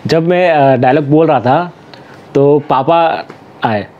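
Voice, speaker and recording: A man, a guest actor and voice artist, tells animated stories and acts out bits of dialogue in a casual interview. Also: a little high, takes it slowly. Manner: animated anecdotes with acted-out dialogue. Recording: dull lo-fi sound.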